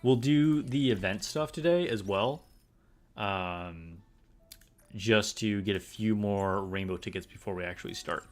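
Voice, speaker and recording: A gaming streamer with a lowish voice chats unhurriedly with viewers while playing, rambling in a laid-back way full of fillers. Faint music plays behind him during the live-stream chat.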